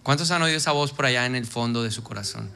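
A man preaching as pastor to a congregation, lively, acting out quoted voices and dropping to soft, intense tones. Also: medium pitch, fast, gravelly, smooth. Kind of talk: sermon.

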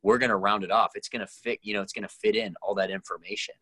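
A man with a low voice talks quickly and in loose, rambling stretches as a podcast co-host. His voice sounds close and dry, with no room echo. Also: fairly even intonation, a bit bright, breathy edge. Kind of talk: casual chat.

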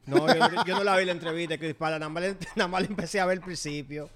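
Co-host, fast, offhand, a bit high. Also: male voice, fairly even intonation, a crowd in the background. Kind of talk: casual chat.

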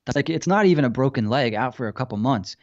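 A man's voice: mid-range voice, expressive, quick pace, dull audio. A man co-hosting a podcast, venting in casual sports chat with exasperated rhetorical questions and heavy swearing. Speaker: podcast co-host.

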